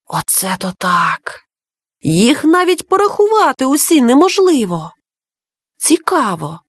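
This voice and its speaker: Storybook: woman doing a curious young male dove, high, wide-ranging, eager questions. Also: very animated, measured pace, breathy edge, no echo, studio quality, full character voice. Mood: eager, wondering.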